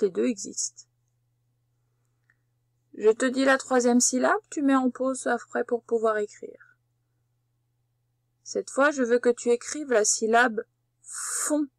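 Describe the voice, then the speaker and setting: A woman teacher giving a patient, slow spelling dictation lesson, spelling out letters one by one. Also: fairly high pitch, dry recording, studio quality.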